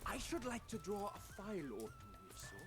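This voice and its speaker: A man's voice: sits high, wildly swooping pitch, fairly quick. An actor voicing an eager male scholar in a video game, speaking formally and insistently about drawing samples. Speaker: game character. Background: game music.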